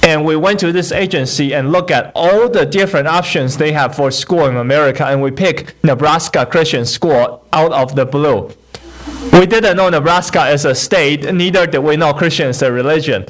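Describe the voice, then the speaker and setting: A young man from Taiwan with a Taiwanese accent gives his testimony at an evening service. His voice sits a little high for a man. He speaks haltingly, with many fillers and restarts, and now and then a wry, humorous aside. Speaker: guest speaker. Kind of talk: personal testimony at a church service.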